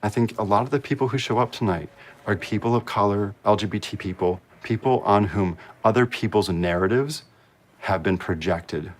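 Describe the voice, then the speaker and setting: A man's voice: on the low side, normal speed. A man from the church speaking candidly and earnestly in an interview.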